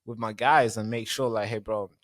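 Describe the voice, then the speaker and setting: A young man hosting a podcast over a remote call, talking in a relaxed, chatty way with frequent restarts. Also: on the low side, moderate pace. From born in a refugee camp in Tanzania. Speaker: podcast host. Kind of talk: casual interview chat.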